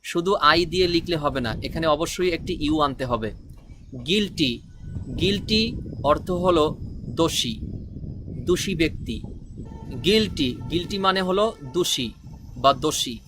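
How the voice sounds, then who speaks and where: A man from Bangladesh, teaching English words and repeating each word and meaning slowly. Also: a little high, lively intonation, background noise. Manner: slow repetitive word drilling. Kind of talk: vocabulary lesson.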